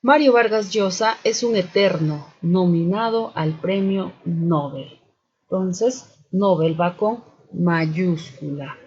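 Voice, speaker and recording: Slow, methodical male teacher. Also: sits high, breathy edge. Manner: methodical, repeats "continuamos" and "muy bien". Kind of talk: spelling and accent lesson for students. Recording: dull lo-fi sound.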